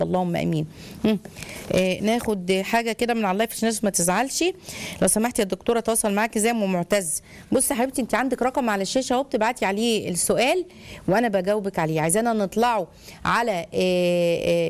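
A middle-aged woman with an Egyptian accent, giving family advice on a live call-in show in an animated way. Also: medium pitch, rapid-fire. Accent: Egyptian Arabic. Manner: animated, acts out shouting voices in stories. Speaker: family counselor answering viewers.

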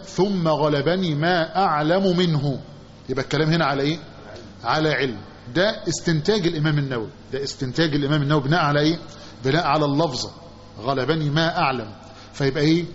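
Egyptian male teacher, quick and a bit high, quizzes his class, dull lo-fi recording with faint hiss. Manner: asks the class questions, repeating phrases with a drawn-out "what?". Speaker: religious teacher. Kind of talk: hadith commentary lesson.

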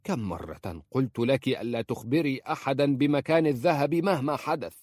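A man's voice: medium pitch, moderate pace, no echo, clean studio sound, pitched above the performer's own voice, lightly acted. A man voicing a stern scolding old uncle. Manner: sharp, scolding. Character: stern worried older uncle, protective.

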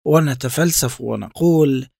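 A man reading a reflective first-person literary text in a measured, contemplative way. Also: medium pitch, creaky, a little mellow, breathy edge, dry recording, clean studio sound. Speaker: narrator.

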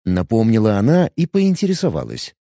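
A man narrating a fantasy audiobook in an expressive storytelling way. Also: lowish voice, a little fast, gravelly, no room sound, studio quality.

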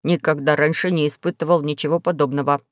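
A woman voicing a polite, fussy talking spaceship in a lower, measured tone. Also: steady tone, no echo, studio quality, natural voice. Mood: prim.

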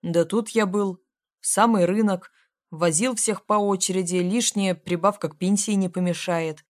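A woman's voice: medium pitch, steady tone, normal speed, dry recording, studio quality, lightly acted. A woman reading an audiobook, voicing an older male pensioner who grumbles indignantly. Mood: grumbling.

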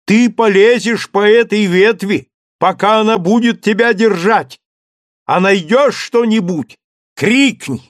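A man voicing an excitable, obsessed gentleman who shouts urgent orders up a tree. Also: sits high, takes it slowly, no room sound, studio quality, pitched above the performer's own voice. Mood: feverish. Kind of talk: audiobook character voice.

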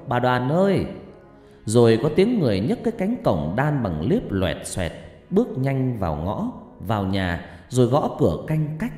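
A man narrating a ghost story in a dramatic, animated telling, in an echoey room with faint music. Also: lowish voice.

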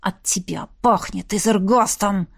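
A woman voicing a jealous, hot-tempered young male shapeshifter in an audiobook, gruff and needling. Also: mid-range voice, steady tone, measured pace. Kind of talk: audiobook character reading.

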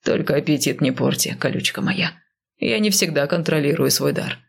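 A woman reading an audiobook who voices a calm, towering man with a gift for touching minds; he speaks gently and softly teases. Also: deep voice, moderate pace, creaky, husky, heavily acted. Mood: gentle.

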